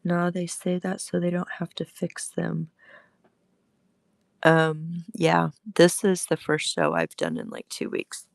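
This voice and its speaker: A woman crafter with a slow, gravelly voice runs a casual live crafting stream from her home crafting space, her throat still rough as she recovers from illness. Her pitch is fairly low but her intonation lively, and she chats and greets viewers while demonstrating, on a dry recording.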